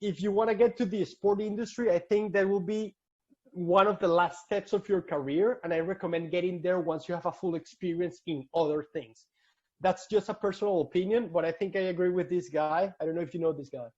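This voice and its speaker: A man's voice: high-pitched, fairly even intonation, a little fast, warm tone. A man in his thirties from Venezuela with a Venezuelan Spanish accent, giving an earnest slide talk over a video call with frequent restarts. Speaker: alumni speaker. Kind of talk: casual slide presentation. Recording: dull lo-fi call audio.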